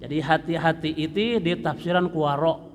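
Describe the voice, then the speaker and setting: A man's voice: fairly high pitch, normal speed, a little hiss or hum. A man with a Sundanese Indonesian accent teaching Quran recitation at a mosque study session, drawing out and chanting phrases to demonstrate them. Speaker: religious teacher. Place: mosque hall. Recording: long echo of a mosque hall.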